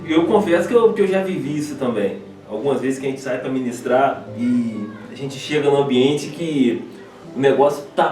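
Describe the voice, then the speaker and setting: A man's voice: mid-range voice, a little mellow. Man, host, chatty, roomy echo, far from mic. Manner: chatty, laughing, quick reactions. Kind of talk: casual interview. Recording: echoey room from far off, faint music.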